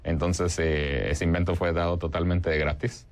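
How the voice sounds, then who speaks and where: A man's voice: sits low, level tone, normal speed. A young man from Guatemala, answering interview questions in a hesitant way, with many fillers and restarts. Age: young adult. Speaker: interview guest.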